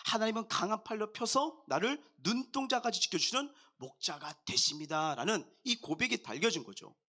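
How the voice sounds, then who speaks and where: A man preaching a sermon as pastor, talking straight to his congregation in a jovial, animated way. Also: sits high. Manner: addresses the congregation directly.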